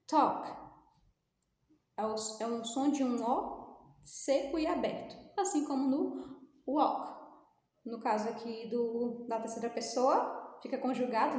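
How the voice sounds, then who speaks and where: In this recorded remote lesson, a woman from Brazil speaks English with a Brazilian Portuguese accent as she patiently walks students through grammar one step at a time, regularly checking that they follow. She has a high voice with a darkish tone, and the long reverb suggests an echoey room.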